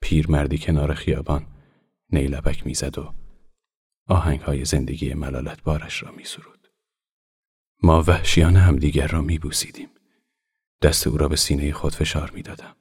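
Deep, husky man reading a story softly. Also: level tone, pauses often. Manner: soft, hushed delivery that often drops to a whisper. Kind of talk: literary audiobook reading.

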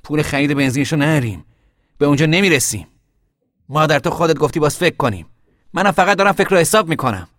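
A man's voice: on the high side, animated, fairly bright tone, no echo, studio quality, voice pushed up. A man voicing a practical, doubtful young son in a novel reading, in a raised, reasoning tone.

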